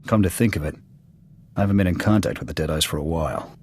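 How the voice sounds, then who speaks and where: A low male voice, quick-paced and a little mellow, performs video game dialogue as a proud, gruff alien soldier acting as his commander's second. The actor uses an American accent and a blunt, clipped military style, sounding resolute and matter-of-fact over background music.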